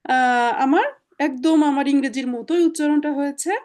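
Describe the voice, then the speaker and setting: A woman leads an online language class, explaining slowly with frequent fillers. Her voice sits high but sounds mellow and soft. She is heard through a video call. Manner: patient, explaining step by step with many fillers. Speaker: German language teacher.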